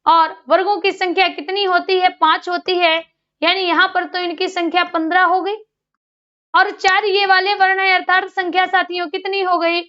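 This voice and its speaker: A woman with a very high, bright voice teaches grammar in an online exam-prep class. She poses each question, answers it and says the answer again, and she drills syllables one by one. The audio is slightly dull and lo-fi. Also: flat delivery, moderate pace.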